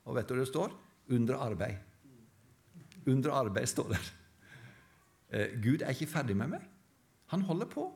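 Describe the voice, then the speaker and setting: A man's voice: medium pitch, big pitch swings, creaky, long pauses. A man preaching a sermon in church, emphatic and building his points through repeated phrases.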